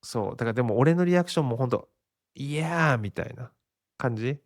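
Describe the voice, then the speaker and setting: Gravelly-voiced Japanese man rambling casually. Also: mid-range voice, animated, fast talker, a little mellow, dry recording, studio quality. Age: 40s. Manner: rambling, chuckling often, self-deprecating. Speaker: podcast host. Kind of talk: casual solo podcast monologue.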